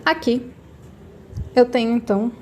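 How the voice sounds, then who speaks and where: A woman with a Brazilian Portuguese accent teaching a recorded remote lesson, patiently saying each word slowly to show the stressed syllable. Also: on the high side, darkish tone, slight background noise.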